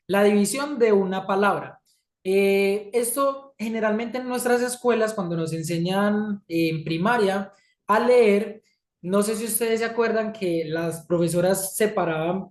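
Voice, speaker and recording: A woman's voice: mid-range voice, a little slow. Woman teaching a class. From Colombia. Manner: checks in often with "¿sí?" and "¿listo?". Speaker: English teacher. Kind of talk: classroom lesson. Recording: echoey room.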